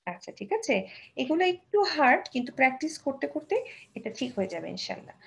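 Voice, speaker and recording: High, gravelly-voiced woman teaching Bangla. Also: big pitch swings. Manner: patient, models words slowly, mixes in English terms. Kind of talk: children's language lesson.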